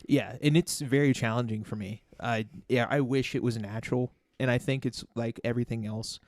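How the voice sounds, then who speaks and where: A man's voice: mid-range voice, fairly even intonation, moderate pace, a little mellow, no room sound. Earnest man, dry studio podcast voice. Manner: earnest, careful explaining with frequent fillers. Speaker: podcast co-host. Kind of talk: casual podcast chat.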